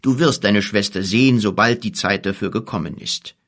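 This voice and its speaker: A man voicing an old, scheming male wizard who speaks slowly and coaxingly. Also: lowish voice, a bit bright. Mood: calm persuasive. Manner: slow, measured, coaxing.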